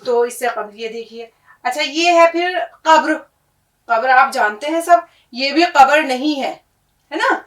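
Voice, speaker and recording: A woman's voice: high voice, fairly bright tone, distant mic, low-quality recording. A woman teaching Urdu pronunciation, patiently explaining each word and checking in with her listeners.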